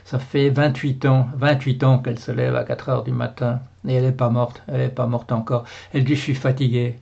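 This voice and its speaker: A man's voice: mid-range voice, level tone, fairly quick, gravelly, mellow, muffled recording. A Belgian man with a Belgian French accent, a blogger talking alone to camera in a rambling, indignant way with many fillers and repeats. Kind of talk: casual video monologue.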